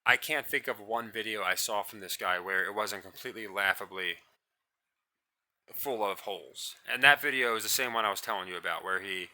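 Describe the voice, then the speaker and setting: This commentary host has a low-ish voice and speaks fairly quickly as he rants on his own. He's blunt and contemptuous, rambles, keeps restarting his sentences, and admits his voice is monotonous.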